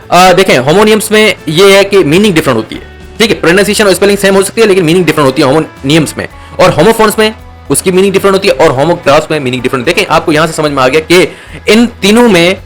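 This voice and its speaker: A man explaining a lesson over slides, slowing down to read English definitions and often checking that students follow. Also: sits high. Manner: repeats "theek hai ji" to check understanding. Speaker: teacher.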